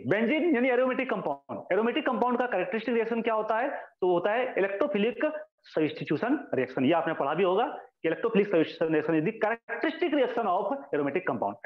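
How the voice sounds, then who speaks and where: Man, chemistry teacher, high-pitched, self-answering questions, dull lo-fi echoey recording. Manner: asks questions and answers them himself; addresses students as children, repeats key terms. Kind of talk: classroom lecture.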